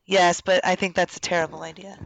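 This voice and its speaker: A woman's voice: lowish voice, little pitch movement, brisk, fairly bright tone, no echo, poor audio. A young woman co-hosting a podcast in casual chat, wry and teasing, laughing often. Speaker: podcast co-host.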